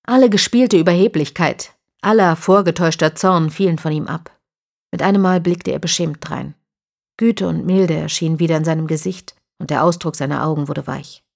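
A woman narrating an audiobook in a measured, even storytelling manner. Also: deep voice, creaky.

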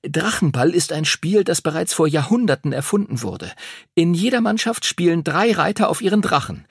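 A man's voice: on the high side, very animated, moderate pace, creaky, breathy edge, no room sound, clean studio sound, voice pushed up, full character voice. A man voicing a know-it-all young boy pupil who explains things eagerly. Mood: explaining.

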